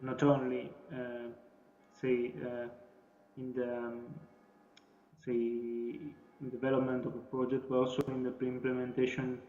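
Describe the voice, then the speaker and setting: A man closing a recorded talk, speaking very hesitantly with many uhs and pauses. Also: medium pitch, monotone, a little mellow, slight background noise. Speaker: remote speaker. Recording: dull, roomy video recording.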